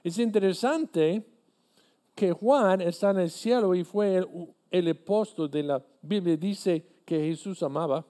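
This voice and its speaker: Slow, mellow-voiced male preacher. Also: high voice. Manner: earnest, deliberate preaching with halting restarts. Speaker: pastor. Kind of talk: sermon.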